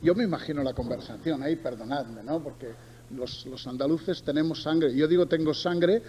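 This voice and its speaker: A middle-aged man from Barcelona with a Spain accent preaches a sermon, reading from the Bible and telling stories, with emphatic repetition and conversational asides to his listeners. His voice is fairly high, mellow and at a normal speed. The audio is dull, with noticeable background noise.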